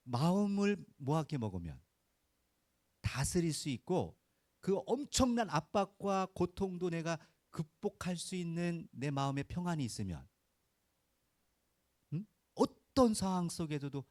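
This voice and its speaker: A man with a somewhat high, darkish voice delivers a conversational Sunday sermon at a measured pace, letting long pauses hang between big swings in pitch. The studio sound is clean, with no room tone. His pastoral style is folksy and casual, full of short rhetorical questions that invite the listeners to answer.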